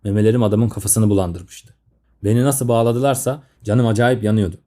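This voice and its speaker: A man in his thirties tells a comic story in the first person, grumbling and sardonic. His voice is low and very dark and mellow. He rushes through his sentences at a fast clip. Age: 30s.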